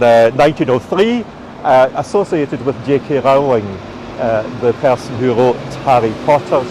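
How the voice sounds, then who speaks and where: A man with a Scottish accent gives an informal, halting live walking-tour commentary as a guide outdoors. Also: medium pitch, a little mellow, rough recording. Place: outdoors on a rainy city street. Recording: outdoor street noise, passing traffic.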